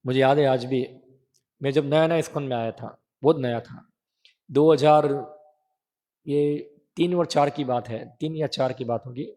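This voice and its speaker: This thirties-aged male preacher talks through his sermon conversationally, asking his audience questions and answering them on his own. His mellow voice is medium-pitched, his pace measured with frequent pauses, and a long reverb tail trails after him.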